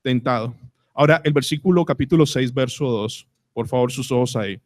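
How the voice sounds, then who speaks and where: A man with a Colombian accent, a pastor preaching a sermon at a church service, asking the congregation questions and slowing down to stress words. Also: mid-range voice. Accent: Colombian Spanish.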